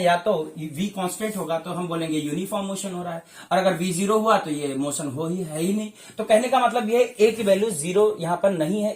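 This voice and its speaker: A male physics teacher talks through a whiteboard lesson for exam preparation. He goes one step at a time, often pausing on a quick "okay" and calling the viewers dear children. His voice rings out in a noticeably echoey room. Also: high voice. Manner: explains step by step, checking in with frequent "okay".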